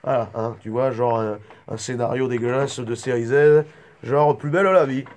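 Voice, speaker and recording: A man's voice: mid-range voice, normal speed, a little mellow. A young man from the south of France with a southern French accent, rambling through an absurd improvised comedy monologue with playful, mock-serious tangents. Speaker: comic vlogger.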